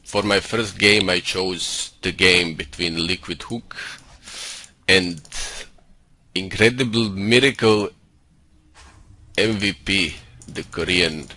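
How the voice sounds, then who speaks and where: A man's voice: sits low, slow, pauses often, pushed and bright. A man putting on a Russian accent for comic effect, commentating on a video game in a cocky, condescending manner. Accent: put-on Russian. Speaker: StarCraft game caster and streamer. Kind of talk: live-style game commentary. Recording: home computer mic with faint noise.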